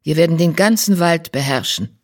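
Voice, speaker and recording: A man's voice: a little high, normal speed, natural voice. A man reading a storybook, voicing a male healer cat who proclaims solemnly while hiding his unease.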